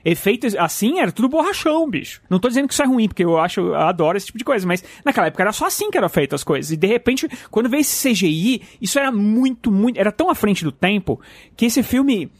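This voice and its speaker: Brazilian man, podcast host, animated, quick, excitable. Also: high voice, no echo. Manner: excitable, rambling, slangy. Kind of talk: casual chat.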